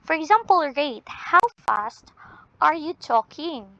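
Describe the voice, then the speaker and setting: A woman teacher with a Filipino accent giving an English lesson, drawn out and deliberate, often ending points with a questioning "no?". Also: sits high, animated, vocal fry, a bit bright, no echo. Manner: ends points with tag "no?". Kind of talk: classroom lesson. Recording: dull lo-fi audio.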